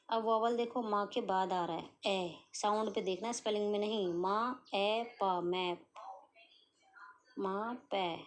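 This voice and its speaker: A woman teaching shorthand step by step, sounding out syllables slowly and answering her own questions. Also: fairly high pitch, a little hiss or hum. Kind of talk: step-by-step lesson.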